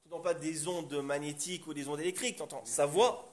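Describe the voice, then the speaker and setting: A man's voice: on the high side, fairly even intonation, fast, darkish tone. A man teaching a religious class, explaining step by step and often checking that the class follows. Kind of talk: Torah class lecture.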